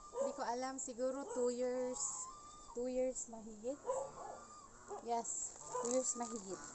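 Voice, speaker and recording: A woman vlogger from the rural northern Philippines, a non-native Tagalog speaker with a regional accent, talking casually and politely in halting Tagalog mixed with English. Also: on the high side, fairly even intonation. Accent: Igorot-region Philippine accent. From rural Ilocos Sur, Philippines. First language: an Igorot language of the northern Philippines. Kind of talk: casual walking vlog tour. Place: outdoors in a rural village. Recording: noisy outdoor recording with insects and animals.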